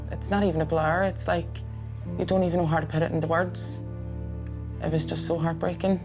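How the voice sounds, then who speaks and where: A woman's voice: lowish voice, level tone, brisk. A woman with a Northern Irish accent, a relative of the victim telling the story plainly and emotionally in a documentary interview. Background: music.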